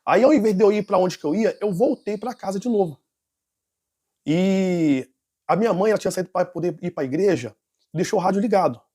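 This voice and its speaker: A nervous man gives a personal testimony as an interview guest, rambling along with restarts and self-corrections. His voice sits high and comes out fairly quickly, with a warm tone.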